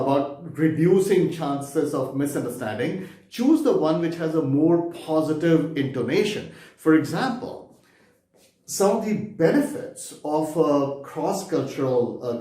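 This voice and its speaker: A man's voice: fairly high pitch, dark tone. Roomy-sounding man coaching exam takers. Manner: conversational, often checks in with "right?". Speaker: exam prep instructor. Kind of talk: explanatory lecture.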